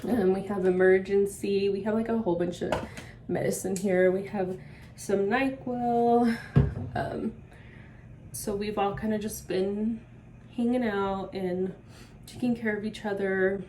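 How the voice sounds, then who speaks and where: A woman's voice: medium pitch, steady tone, unhurried, recorded from a distance, noisy background. A young woman vlogging at home while sick, short of breath and with a sore throat, rambling casually with lots of "like" and "um". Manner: rambling, heavy use of "like" and "um". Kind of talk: casual chat to camera.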